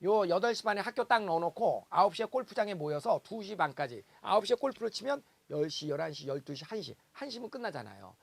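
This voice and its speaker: Animated high-voiced man lecturing. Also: fast talker, vocal fry, few pauses. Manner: animated storytelling, acts out parents' voices, exclaims. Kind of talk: lively seminar lecture.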